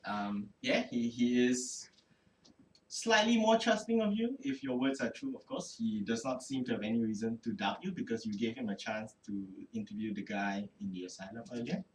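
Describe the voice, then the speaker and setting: A man's voice: on the low side, fairly even intonation, moderate pace, hardly any pauses. A man narrating as game master of a tabletop game, hesitant and full of fillers. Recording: roomy, distant mic.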